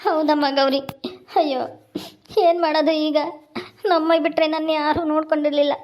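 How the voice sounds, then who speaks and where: A woman playing a grieving grown son in a village family drama, speaking in a rapid, wailing lament. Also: sits high, little pitch movement, darkish tone, natural voice.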